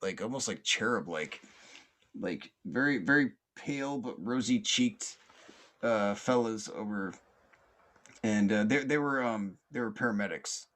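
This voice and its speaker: Man with a lowish voice, podcast host, rambling storyteller. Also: measured pace, a bit bright. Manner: rambling, lots of fillers and restarts.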